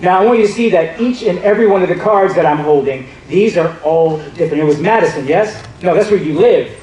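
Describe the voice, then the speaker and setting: High-voiced guy doing magic onstage, teasing the crowd, big echo from far back, crowd noise. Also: lively intonation, quick pace. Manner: joking, teasing the audience, bursts of loud hype. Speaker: stage magician. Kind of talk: live magic show banter. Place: large theater on a cruise ship. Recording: echoey hall recorded from far off, crowd noise. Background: audience chatter and laughter.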